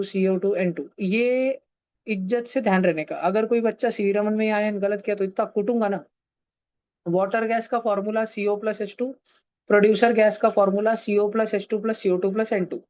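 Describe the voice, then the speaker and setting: A man's voice: high-pitched, a little mellow, dry recording. Joking man teaching an online class. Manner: teasing, joking with students. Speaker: science teacher. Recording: dull, dry online-class audio.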